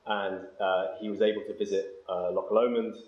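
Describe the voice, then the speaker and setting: A man giving an academic lecture, hesitating with ums and reading verse slowly and with care. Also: on the low side, little pitch movement, reverberant, narrow, tinny audio. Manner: slow, measured reading of verse, then brisk explanation with ums.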